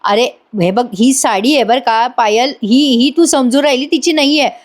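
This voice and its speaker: Woman playing a jumpy worried young guy, high-pitched and excitable. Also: normal speed, lightly acted. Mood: fretful. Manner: fretful, excitable, calls out. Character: anxious young man, excitable sidekick friend.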